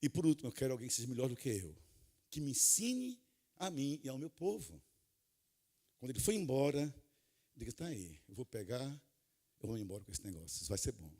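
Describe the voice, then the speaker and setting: A man preaching to a conference of pastors, animated and humorous, dropping to soft, low asides and then rising to loud, shouted calls. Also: a little fast, pauses often, slightly rough. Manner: animated, humorous, plays out little scenes. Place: large conference hall.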